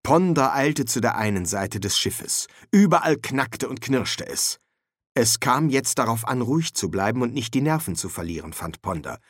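A man reading a comic fantasy novel aloud in measured, dry storytelling. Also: medium pitch, very animated, no room sound. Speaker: audiobook narrator. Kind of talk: scripted narration.

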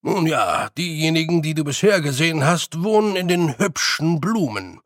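A man's voice: a little high, animated, moderate pace, fairly bright tone, dry recording, studio quality, voice pushed up. A man voicing a tiny, brash fairy-folk leader who blusters and improvises excuses. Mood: blustering.

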